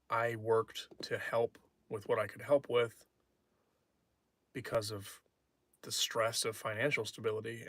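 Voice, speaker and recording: A man's voice: lowish voice, gravelly, fairly bright tone, no room sound. A young man on a livestream, talking candidly and reflectively in a casual way, often trailing off and restarting his sentences. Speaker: poetry livestreamer.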